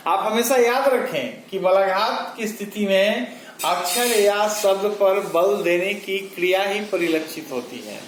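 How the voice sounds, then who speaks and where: A man with a fairly high voice teaches a grammar lesson at an unhurried pace, going over each definition twice. He is recorded in an echoey room with faint noise behind him. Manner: slow, deliberate, repeats definitions for students.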